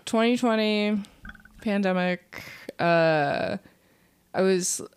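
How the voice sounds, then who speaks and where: A woman's voice: mid-range voice, takes it slowly, smooth. A young woman, a comedian guest on a podcast, telling a rambling story in casual chat, full of fillers and restarts.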